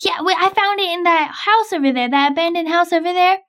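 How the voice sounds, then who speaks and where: A young adult woman acting out a playful improvised story while gaming, hosting with simple, expressive narration over music. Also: very high-pitched, a little fast. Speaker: gaming video host and player. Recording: music behind the voice.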